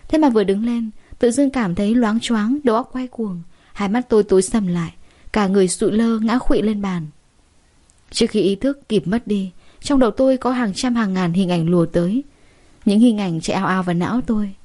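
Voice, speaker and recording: Young woman reading a dramatic first person story, mellow dark voice. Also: mid-range voice, fairly quick.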